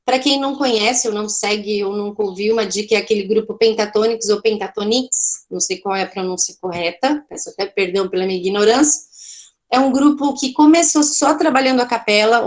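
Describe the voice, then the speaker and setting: A woman's voice: mid-range voice, a little fast. A woman teaching an online art class, explaining in a chatty way with a Brazilian Portuguese accent, often checking in with her students and correcting herself.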